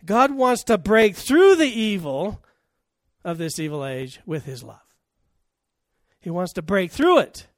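A man delivers a sermon as a pastor in a notably high voice. He is emphatic, firing rhetorical questions and letting his volume swell and drop. The sound is dry and close. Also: big pitch swings, takes it slowly, pauses often, no room sound.

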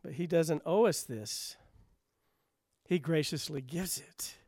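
High-voiced pastor preaching emphatically. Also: male voice, slow, husky, no echo, clean studio sound. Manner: emphatic rhetorical questions, rising then dropping to quiet. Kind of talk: sermon.

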